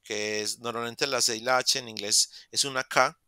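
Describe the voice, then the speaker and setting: A man's voice: medium pitch, steady tone, normal speed, pushed and bright, clean tone, no room sound, clean studio sound. A man, teaching English in a virtual class and patiently repeating words to model pronunciation. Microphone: video call.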